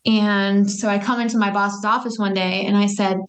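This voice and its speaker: A woman's voice: medium pitch, flat delivery. A young woman from Alabama, a guest telling stories in a chatty way with many fillers. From Huntsville, Alabama. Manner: chatty storyteller, quick asides, many fillers. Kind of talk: casual interview chat.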